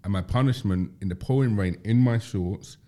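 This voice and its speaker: A young man with a South London accent hosting a casual podcast chat, chatty and quick to laugh at himself. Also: lowish voice, mellow. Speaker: podcast host.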